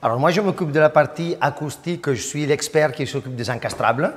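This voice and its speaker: A fairly high-voiced man guiding a tour as an acoustic engineer. He explains things plainly with a few fillers, and his voice rings out with long reverb in a big hall. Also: brisk.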